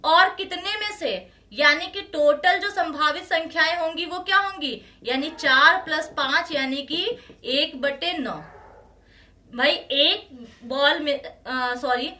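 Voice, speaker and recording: A woman maths teacher giving a classroom lecture, slowly repeating each phrase and often telling students to pay attention. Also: high voice, pushed and bright, recorded from a distance. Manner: slow and repetitive, says each phrase twice.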